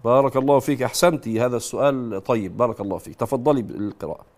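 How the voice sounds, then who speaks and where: A middle-aged man with an Egyptian accent who hosts a show and gently corrects callers' Quran recitation, demonstrating words slowly. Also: mid-range voice. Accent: Egyptian Arabic. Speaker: Quran recitation teacher and host.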